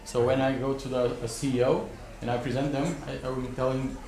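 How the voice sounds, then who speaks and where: A man's voice: medium pitch, little pitch movement, darkish tone, roomy sound, slight background noise. A man on a panel giving spontaneous business advice, often restarting and repeating words, recorded by a distant mic in a wood-panelled conference room. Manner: halting, repeats words as he rethinks. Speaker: expert panelist advising startups.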